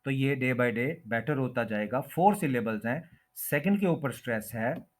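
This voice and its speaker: Guy teaching english pronunciation, says each word slow over and over to show the stress. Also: medium pitch. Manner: repeats each word slowly, drawing out the stressed syllable. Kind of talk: pronunciation lesson explained in Hindi-Urdu.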